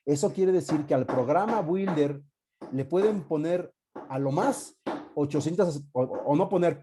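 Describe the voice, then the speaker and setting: A man's voice: a little high, background noise. A man with a Mexican accent giving a live online class as a university teacher, talking casually, thinking aloud with many fillers and joking asides.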